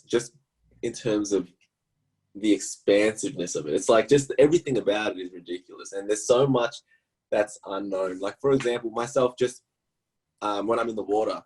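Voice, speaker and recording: A man's voice: lowish voice, a little mellow, slightly rough, low-quality recording. A man co-hosting a podcast, musing aloud in a casual, wandering way. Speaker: podcast co-host.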